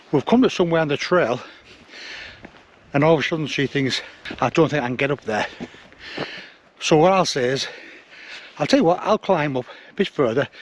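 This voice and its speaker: Speaking at a medium pitch with a husky edge, a man in his fifties reviews outdoor gear on camera. His delivery is relaxed and straightforward as he explains things one step at a time, filmed on a forest trail and in a small indoor room.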